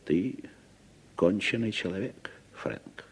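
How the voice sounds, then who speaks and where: In a Soviet radio drama, an actor gives a full character voice to a blustering, uneasy American businessman, deep, husky and theatrical. He speaks slowly but with great animation, wavering at first and then turning emphatic, his mood grave and full of warning.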